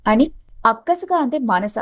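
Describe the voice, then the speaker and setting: A woman narrating an animated moral story in a plain, steady storytelling manner. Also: fairly high pitch, moderate pace.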